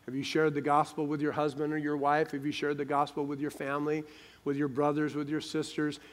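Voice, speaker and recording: A man preaching a sermon, emphatic and rhetorical, asking questions and reading scripture aloud. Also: a little high.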